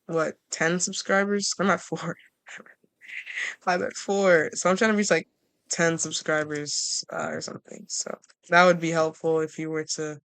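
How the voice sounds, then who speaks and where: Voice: mid-range voice, fairly bright tone, clear, resonant tone, no room sound. A creator giving casual, rambling commentary over gameplay, chatty and playful with viewers and often restarting sentences.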